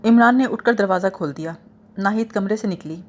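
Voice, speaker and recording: A woman reading a spy novel aloud as audiobook narrator, with steady, even storytelling. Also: medium pitch. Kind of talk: scripted narration.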